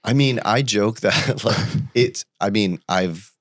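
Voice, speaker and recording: A man in his thirties from the United States, chatting casually as a podcast guest and telling animated stories. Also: no echo, studio quality. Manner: animated, quick jumps in pitch when quoting people. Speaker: podcast guest, entrepreneur and father. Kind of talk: casual conversational storytelling.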